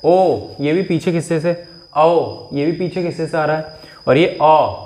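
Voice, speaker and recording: A man's voice: a little high, measured pace, a little mellow. A man teaching an exam-prep grammar lesson, explaining patiently, checking in often and stretching out vowel sounds to demonstrate them. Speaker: Hindi teacher.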